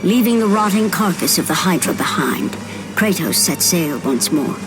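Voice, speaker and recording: An actress as a solemn female teller of ancient myth, with a fairly low voice. She narrates in measured, portentous phrases for a game cutscene, with loud music behind her. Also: lively intonation, lightly acted. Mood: grave, ominous. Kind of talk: scripted dramatic narration.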